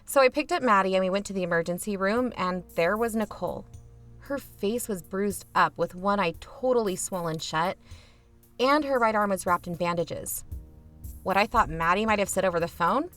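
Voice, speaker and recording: In an audio drama, a woman plays a reluctant, sardonic younger sister who hosts an investigative podcast, acting in a casual, conversational way. Her mid-range voice is a bit bright and close to everyday speech, at a moderate pace, with a subdued, troubled mood and faint music behind.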